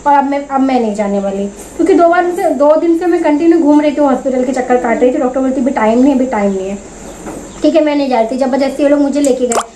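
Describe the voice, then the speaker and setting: A young woman from India, a vlogger, telling a personal story to camera in a chatty, animated way and acting out the voices of people she quotes. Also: high voice, quick pace, a little hiss or hum, poor audio.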